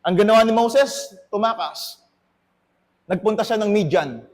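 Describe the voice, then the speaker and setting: Filipino pastor guy preaching, really high voice, big hall reverb. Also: unhurried. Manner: preaching to a congregation, switching between Tagalog and English. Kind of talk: sermon. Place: church hall.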